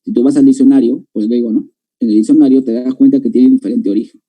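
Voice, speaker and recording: A man's voice: mid-range voice, steady tone, fast talker, warm tone, husky, rough recording. A man teaching a grammar lesson to a class, explaining step by step and often checking that students follow.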